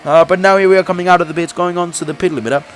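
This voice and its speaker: His voice sits high with fairly even intonation, and he talks rapid-fire. A young gaming YouTuber who says he's sick, his voice slightly off, he chats through a racing game career race, laughing frequently and restarting what he says.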